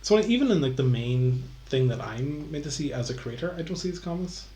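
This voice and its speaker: A man's voice: mid-range voice, lively intonation, a little fast, mellow. A very drunk man rambles casually as he hosts a live stream, swearing and stumbling over his words. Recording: roomy, echoey room sound.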